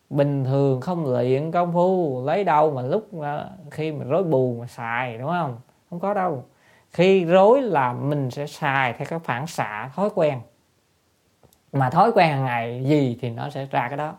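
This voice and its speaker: Woman Buddhist teacher, gravelly creaky voice, dharma talk full of rhetorical questions. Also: sits low, darkish tone. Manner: asks the listeners rhetorical questions and answers them; repeats short phrases for emphasis.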